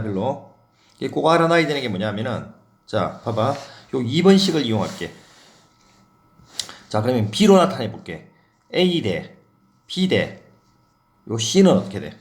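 A man teaching a math lesson in a casual, chatty way, talking through his board work and often checking in with the listener. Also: medium pitch.

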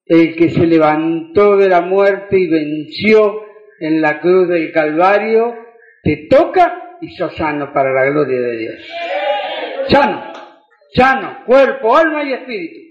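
An older man with an Argentine accent giving an emotional sermon testimony in a church, building to shouted praise. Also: fairly high pitch, expressive, slow. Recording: echoey, muffled church recording.

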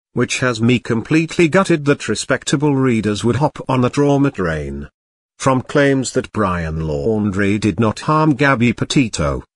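A man narrating scripted commentary as host in a formal, deadpan way. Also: medium pitch, dry recording.

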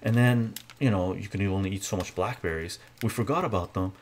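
An older man with a low, gravelly voice chats softly and fairly quickly in his home kitchen, framed by a webcam at the counter, with a little hiss or hum in the audio. A relaxed live streamer, he reads viewer comments aloud, answers them one by one, and often tags on "right?" to check in.

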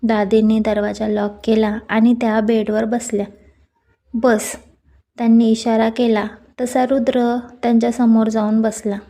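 Mellow woman narrating a story. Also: fairly high pitch, flat delivery, moderate pace.

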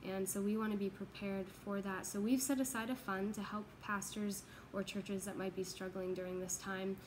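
Her voice mid-range and her tone level, a young American woman working as a church pastoral associate explains things earnestly in an informal video update at a moderate pace. The audio is poor, with slight background noise, recorded in a big open office space with exposed ductwork.

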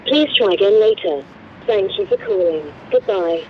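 A recorded woman's voice reading a slow, measured voicemail announcement, heard through a phone line. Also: mid-range voice, expressive. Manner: slow, measured and evenly spaced. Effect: played through a phone line from a gate phone. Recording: dull, muffled phone audio from a distance with background noise.

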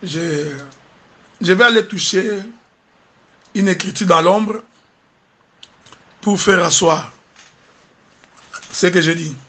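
A man with a Congolese French accent preaching a sermon, rising to animated emphasis and often asking his listeners whether they understand. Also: high voice, slow pace, pauses often. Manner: asks the congregation "do you understand?".

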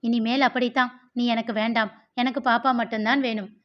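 A playful young man, voiced by a woman reading aloud teases in quick banter. The recording sounds dull and lo-fi. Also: on the high side, steady tone, lightly acted. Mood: teasing. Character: playful teasing young man, excited uncle.

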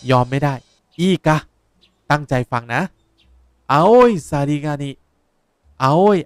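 A young man, a language teacher explaining words in a lively way while playing a game. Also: a little high, slow pace, clean tone, dry recording, studio quality. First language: Japanese. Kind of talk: game playthrough lesson.

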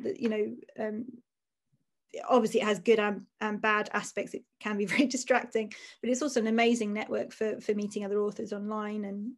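A woman's voice: mid-range voice, vocal fry. A woman in her forties, an author, chatting casually and self-deprecatingly on a video call from a room at home.

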